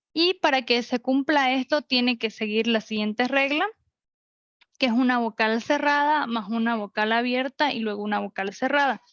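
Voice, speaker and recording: Woman teaching online, fairly high voice, dry muffled sound, walks thru rules w examples. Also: no echo. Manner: explains rules step by step with examples. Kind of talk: online class lecture. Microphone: computer mic.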